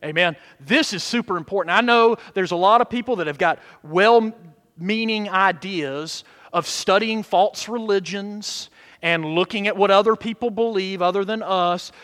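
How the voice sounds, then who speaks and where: A man preaching a sermon like a TV preacher, emphatic, moving between hushed asides and loud declarations and checking in with his congregation. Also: sits high, moderate pace. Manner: seeks affirmation from congregation with short questions. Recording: long hall reverb.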